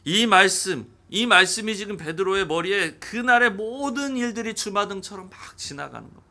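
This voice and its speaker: Male pastor, high bright voice, lively sermon delivery with acted-out quotes. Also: normal speed. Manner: animated, acting out dialogue in quotes.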